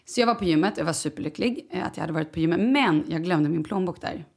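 Woman podcasting, chatty and animated, jumps into other people's voices mid-story. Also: fairly low pitch, vocal fry. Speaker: podcast co-host. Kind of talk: casual chat.

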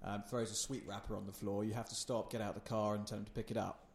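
A man's voice: fairly low pitch, flat delivery, fast, vocal fry. A British man chatting casually as an interviewer and asking questions. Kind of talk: casual chat. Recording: roomy echo, faint background noise.

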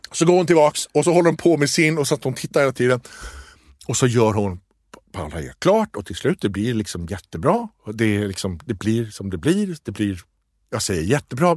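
A man's voice: mid-range voice, no room sound, studio quality. A man telling a funny story in casual chat, acting out the people he quotes. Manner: animated, acts out quoted voices. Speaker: podcast co-host.

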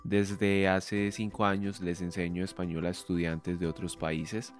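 A man in his thirties from Medellín with a Colombian accent, speaking directly to learners as a podcast host in a clear, measured teacher's way. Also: low voice, flat delivery, faint music behind. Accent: Colombian Spanish from Medellín. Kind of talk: podcast monologue for language learners.

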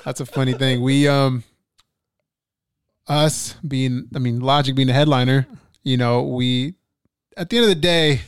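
A young man in relaxed, casual podcast chat, swearing freely and restarting his sentences. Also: medium pitch, a little slow, long pauses, clean tone, no echo, clean studio sound. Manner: laid-back, swears casually, trails into restarts.

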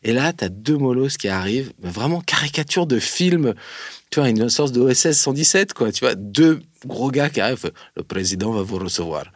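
A man telling a lively anecdote in an interview, with lots of hesitations, speaking straight to his listener. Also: mid-range voice, normal speed, dry recording, clean studio sound. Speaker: interview guest. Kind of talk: casual storytelling.

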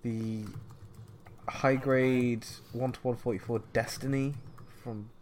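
A man's voice: medium pitch, fairly even intonation, slow, a little mellow, slight background noise. A man chatting casually on a podcast, blunt and rambling, swearing freely. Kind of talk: casual chat.

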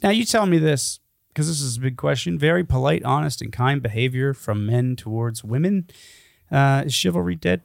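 A man's voice: medium pitch, lively intonation, normal speed, gravelly, no room sound, clean studio sound. A young man co-hosting a podcast in casual chat, rambling and swearing with lots of fillers. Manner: rambling, profane, full of fillers. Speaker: podcast co-host.

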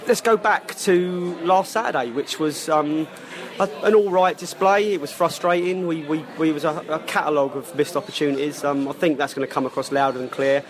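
A man's voice: a little high, moderate pace. A man with a wheezy, chesty voice from a cough, hosting a casual podcast. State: lingering cough from a cold. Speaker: podcast host. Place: busy pub. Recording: lively pub chatter behind.

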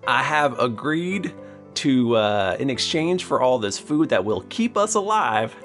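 A man playing a flustered, apologetic town leader in an improvised tabletop game, halting and stammering as he placates everyone. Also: mid-range voice, very animated, fairly bright tone, soft background music. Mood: flustered, placating. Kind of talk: improvised tabletop role-play.

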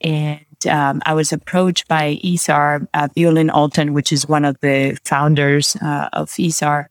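A guest from Peru speaking in a casual interview, enthusiastic and warm, with frequent fillers and restarts. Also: mid-range voice, little pitch movement, unhurried, dry recording, studio quality.

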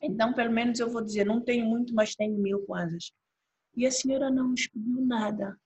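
A woman with an Angolan Portuguese accent, an interview guest and trainer, telling an emotional story with lively quoted dialogue. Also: fairly high pitch, fairly quick, breathy edge.

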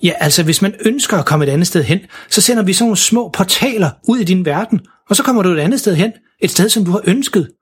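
A matter-of-fact girl from a magic world, explaining how things work there, as a man puts her on. The voice is lifted above the reader's own and comes out very husky and breathy. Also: high voice, animated, few pauses, pitched above the performer's own voice, heavily acted.

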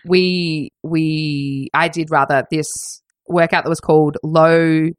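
Low-voiced Australian woman telling a story. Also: slow, no echo, clean studio sound. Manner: swearing, animated storytelling with mimicry. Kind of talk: casual chat.

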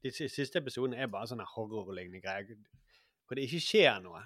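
A man in his forties with a mid-pitched voice, chatting on a podcast. He muses aloud and rambles with lots of fillers. The recording is close and dry. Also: expressive, a bit bright, no echo. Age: 40s. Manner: musing, rambling, many fillers. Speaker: podcast host. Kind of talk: casual chat.

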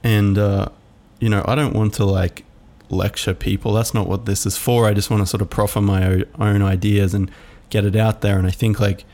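A podcast host muses alone in a reflective monologue, his voice low and flat. He speaks haltingly, with many fillers.

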